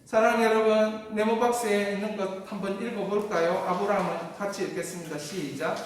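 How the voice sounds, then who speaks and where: A woman pastor preaching a sermon with lively call-and-response to her congregation. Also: mid-range voice, brisk, a little hiss or hum. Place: large church sanctuary. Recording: echoey hall from far off.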